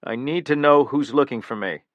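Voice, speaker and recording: Reading an audiobook, a man voices a bitter, menacing male killer who threatens and flares into angry outbursts. His medium-pitched, fairly bright voice moves at normal speed, pitched above his own but close to everyday speech, in a muffled recording with no echo.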